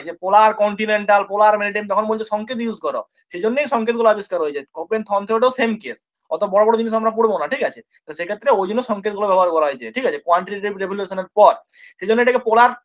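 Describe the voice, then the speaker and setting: High-pitched guy tutor, rattles through an exam prep lesson, keeps asking if you got it. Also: fairly bright tone. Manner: constantly checks understanding, repeats points; informal, addresses students familiarly. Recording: dull lo-fi recording.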